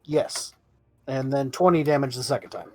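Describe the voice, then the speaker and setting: A man playing a tabletop game, talking in a laid-back, crude, deliberate way. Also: medium pitch, darkish tone. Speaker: player. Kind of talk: casual banter at a game table. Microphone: headphones with mic over voice chat.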